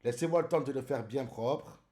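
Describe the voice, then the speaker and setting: A man's voice: medium pitch, moderate pace, dark tone. A man streaming live in casual chat, greeting viewers by name and calling them brother.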